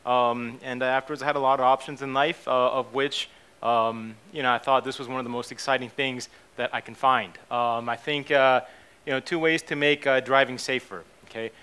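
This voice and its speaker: A company CEO, born in Japan and raised in the United States, gives a casual keynote on a conference stage in a hotel hall. His mid-range voice is steady, normal in speed, pushed and bright, clear and resonant. The talk is packed with fillers and checks like "okay?" and "right?"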